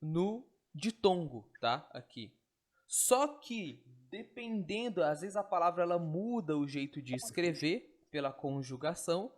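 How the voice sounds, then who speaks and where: A man teaching Greek in an online lesson, explaining step by step and checking in with quick tag questions. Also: high voice, a little mellow.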